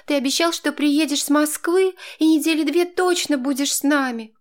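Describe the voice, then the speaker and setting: A man voicing a nervous, quarrelsome young mother who pleads and shouts at her husband in an audiobook. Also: normal speed. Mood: pleading. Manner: pleading, then shrill and shouting.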